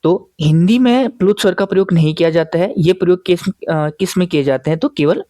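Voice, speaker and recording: Patient, mellow-voiced male teacher. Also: sits high, brisk, no echo. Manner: explains patiently, asks and answers his own questions; keeps checking in with the listener. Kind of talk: classroom grammar lesson.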